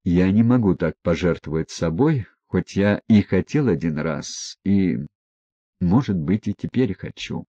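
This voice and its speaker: A man reading an audiobook, voicing a gentle, troubled young prince who speaks quietly, earnestly and with hesitation. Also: deep voice, lively intonation, unhurried, no echo. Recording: dry, dull close recording.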